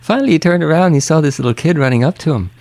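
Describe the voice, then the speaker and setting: A man's voice: on the high side, expressive, very fast, vocal fry, darkish tone, dry recording. A man from Tanzania hosting a radio interview, talking in a rambling, chatty way with many restarts. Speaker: radio host. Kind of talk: casual interview chat.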